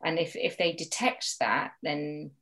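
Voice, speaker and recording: A woman's voice: low-pitched, measured pace, fairly bright tone. A woman mediator, a guest in a conversational interview, talking animatedly and acting out the voices she quotes.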